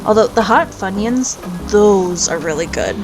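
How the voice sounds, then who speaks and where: A woman with a mid-range voice chats loosely while she plays a game, wandering from topic to topic. Her talk is relaxed and rambling, and game music plays clearly underneath her. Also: medium pitch, measured pace, low-quality recording. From United States. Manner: rambling and chatty, drifts between topics. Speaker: VTuber gaming streamer. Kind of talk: casual chat over gameplay. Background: video game music.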